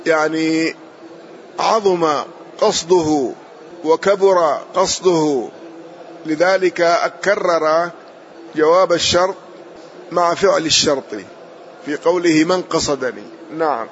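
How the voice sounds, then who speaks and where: Male teacher, fairly high voice, methodical line-by-line explanation that repeats itself for clarity, lo-fi hissy recording. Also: steady tone. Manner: measured explanation, repeats and rephrases, closes points with a short affirmation. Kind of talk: classical text lesson, explaining line by line. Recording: muffled lo-fi audio with faint hiss.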